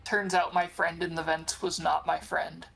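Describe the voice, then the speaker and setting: A tabletop game player thinking through a turn aloud, slow and unsure. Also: medium pitch, flat delivery, vocal fry, bright, forceful tone.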